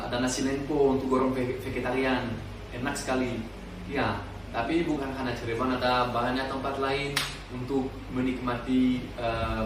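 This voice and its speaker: A man in his twenties from France with a French accent, speaking halting Indonesian as a foreign learner and casually telling personal stories. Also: medium pitch. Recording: distant mic, echoey room, noisy background.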